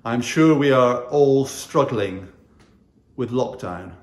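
An older man in his sixties gives a chapel talk at a very slow, unhurried pace, gentle and earnest in manner. His voice sits at an ordinary middle pitch. The recording carries a noticeable roomy echo from the small wood-panelled room. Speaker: school chaplain.

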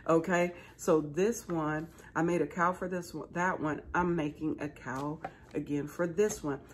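A woman's voice: deep voice, a little mellow, slight background noise. A middle-aged American woman chatting casually to her subscribers as a channel host, in an exuberant, folksy manner, repeating words for emphasis. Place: small living room, indoors, seated on a couch.

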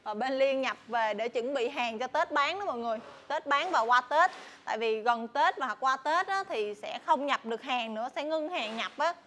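High-voiced young southern Vietnamese woman. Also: lively intonation, normal speed, a bit bright, a little hiss or hum. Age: young adult. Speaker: motorbike shop saleswoman presenting stock. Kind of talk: casual sales walkthrough. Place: large tin-walled motorbike warehouse. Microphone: clip-on lapel mic.

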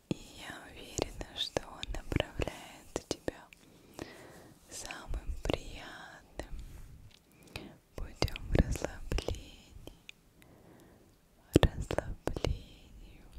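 A woman in her twenties doing ASMR in a barely audible, breathy whisper very close to the microphone, soothingly lingering on and repeating words. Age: 20s. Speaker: ASMR host. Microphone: close pair of microphones with foam covers.

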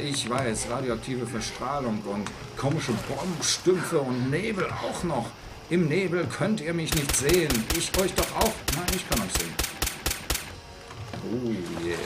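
A man narrating his own gameplay in a chatty, excitable voice of middle pitch. He mutters plans to himself and leaps up into shrill alarm when things go wrong. Game sounds sit clearly beneath his voice. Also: heavy background noise. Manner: excitable, talks to himself, jumps up to shrill panic. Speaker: let's play host. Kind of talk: live gameplay commentary.

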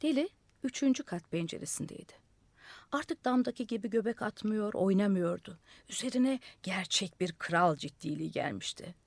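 A woman's voice: mid-range voice, expressive, moderate pace, creaky, darkish tone, dry recording. A woman narrating a story expressively in a theatrical reading, recorded in a radio studio. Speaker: audiobook narrator.

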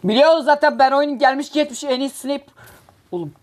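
Brief: woman gaming streamer, slightly high voice, excitable and joking, trash-talks the other team. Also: fairly quick. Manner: excitable, joking, teasing, cursing at rivals. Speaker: gaming channel host. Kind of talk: live gameplay commentary.

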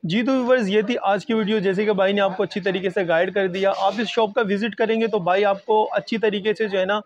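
Man, Pakistani accent, high-pitched voice, vlog host, muffled lo-fi shop recording. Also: fairly even intonation, a little fast. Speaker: video host. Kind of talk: vlog hosting, interviewing a shopkeeper. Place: small fabric shop indoors. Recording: dull, muffled lo-fi audio.

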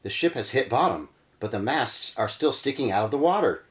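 A man hosting a read-through, reading a gamebook aloud with lively, dramatic emphasis and adding casual comments. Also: mid-range voice, fairly quick. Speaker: channel host reading a gamebook.

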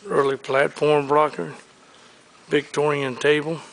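In poor handheld-camera audio, a man with a slightly high, creaky voice and level tone strolls a big warehouse showroom. He runs through auction furniture and collectibles one by one with brisk, upbeat sales patter.

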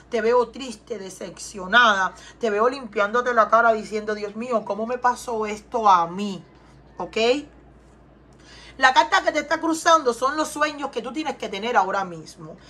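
A woman's voice: on the high side, pushed and bright, breathy edge. A Cuban woman with a Cuban Spanish accent, giving an earnest tarot reading to her viewers and often asking them questions. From Cuba. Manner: earnest, repeats questions and asks viewers to respond. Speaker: tarot reader. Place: home in Texas.

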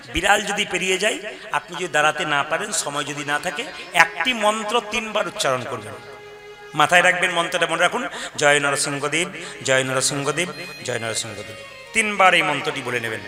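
Kirtan preacher, male, slightly high pitch, folksy direct address, live over clear music. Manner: folksy, addresses audience directly, acts out dialogues. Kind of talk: devotional kirtan sermon with singing.

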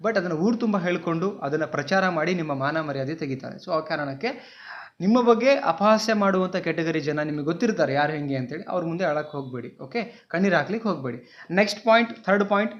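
A man's voice: a little high, animated, a little fast, highs cut off. A man with a Kannada accent giving an earnest, repetitive motivational talk to his channel viewers, mixing in English words. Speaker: motivational speaker.

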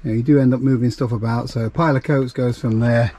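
A man's voice: medium pitch, fairly even intonation, quick pace, warm tone. A man vlogging on a camping trip in a camper van, chatting casually with dry, self-mocking jokes. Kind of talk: casual vlog chat.

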